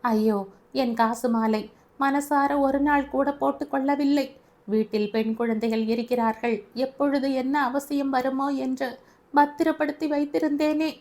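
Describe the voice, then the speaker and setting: A woman voicing a furious, grieving old grandmother who wails and shouts in a shrill voice in an audio novel. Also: fairly even intonation, unhurried. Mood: wailing. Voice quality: shrill, wailing.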